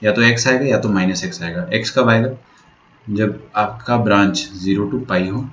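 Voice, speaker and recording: A man's voice: on the low side, moderate pace, fairly bright tone, slight background noise. A man teaching maths in an online lecture, explaining step by step and often checking that students follow. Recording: roomy, dull lo-fi sound.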